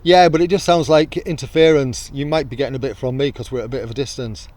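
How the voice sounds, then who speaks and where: Here a mid-range British male voice, darkish and fairly flat in intonation, moves at a fast clip with no echo. He's out on a canal in a kayak, presenting a product test vlog-style and joking with friends in a casual, friendly way. The recording is clear, picking up outdoor water and boat sounds.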